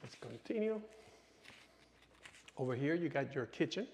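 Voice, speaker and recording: In an empty new house, a male real estate agent gives a casual walk-through tour full of informal sales patter, often tagging phrases with "okay." His darkish mid-range voice swings widely in pitch at an unhurried pace, with a little hiss or hum and echoey reverb from the bare rooms.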